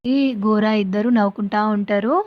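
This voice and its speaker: A woman's voice: mid-range voice, fairly even intonation, fairly quick, dry recording. A woman casually retelling a TV serial episode, quoting the characters' lines as she goes. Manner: retells scenes and quotes lines, often tagging them with a filler phrase. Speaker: serial recap narrator. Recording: dull, dry recording.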